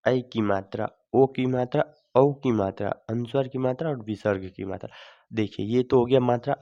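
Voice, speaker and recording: A man's voice: mid-range voice, warm tone. A man teaching children to read letters, speaking patiently, repeating each sound and asking the class questions. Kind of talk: children's Hindi alphabet lesson. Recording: dull lo-fi sound.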